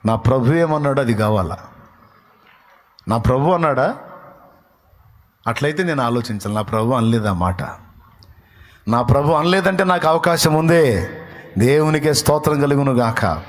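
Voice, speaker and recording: A man's voice: expressive, normal speed, long pauses. A man preaching a sermon, telling stories dramatically and acting out the voices of the people in them. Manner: dramatic storytelling, acting out villagers and David in colloquial voices; swings between loud exclamations and low asides. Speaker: pastor.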